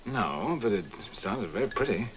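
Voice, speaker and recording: A middle-aged actor playing a suave American scholar and host, with a wry, urbane manner, in 1960s film acting. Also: male voice, fairly low pitch, animated, moderate pace, slight background noise, close to an everyday voice.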